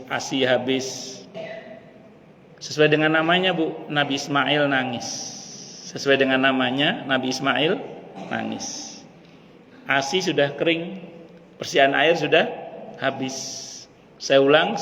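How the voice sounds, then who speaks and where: A man's voice: mid-range voice, a bit bright, slight background noise. A man preaching to a women's study group in a mosque, often repeating himself and asking the audience questions. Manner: repetitive, asks the audience questions. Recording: echoey hall, dull lo-fi sound.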